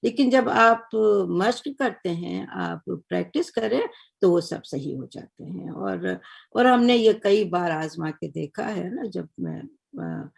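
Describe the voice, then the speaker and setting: An older woman giving a lecture on Urdu, explaining patiently and measured, often checking in with her listeners. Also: fairly low pitch, animated, creaky, breathy edge. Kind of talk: recorded lecture.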